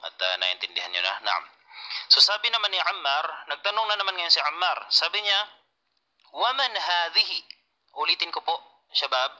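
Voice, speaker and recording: Guy teaching arabic online, super bright voice, patient, repeats stuff a lot. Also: medium pitch, poor audio. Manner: patient, repeats key points, answers students. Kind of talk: online class lecture.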